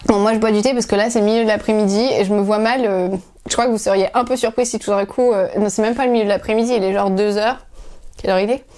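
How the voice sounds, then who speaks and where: A woman's voice: mid-range voice, steady tone, fast talker, dark tone. Rambling woman hosting a knitting podcast. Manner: rambling, full of hesitations and restarts. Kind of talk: casual chat to viewers.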